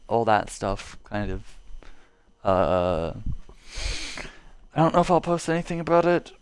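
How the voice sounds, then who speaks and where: A man's voice: on the low side, clear, resonant tone. A young man giving casual, rambling gameplay commentary to his viewers, full of fillers and the odd swear word. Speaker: gaming video creator.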